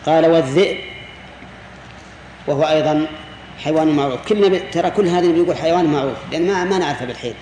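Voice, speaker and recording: A man teaches a jurisprudence class as a sheikh, and his voice sits a little on the high side. He explains step by step, repeats his key words and turns questions back to the students. The recording has a long, roomy hall echo and a faint hiss underneath. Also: racing, long pauses, a little mellow.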